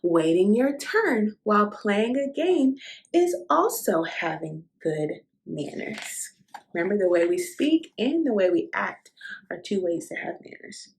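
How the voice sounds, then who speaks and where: In a sing-song, slightly creaky and mellow medium-pitched voice, a woman reads a picture book to young children at a measured pace. She is the host of a read-aloud show for kids, talking directly to the listener in an encouraging, instructive way, asking questions and affirming.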